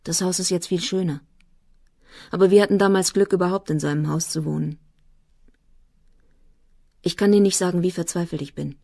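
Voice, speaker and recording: A woman's voice: lowish voice, fairly even intonation, fairly quick, vocal fry, long pauses, dark tone, dry recording, clean studio sound. Woman reading a young man's earnest love letter.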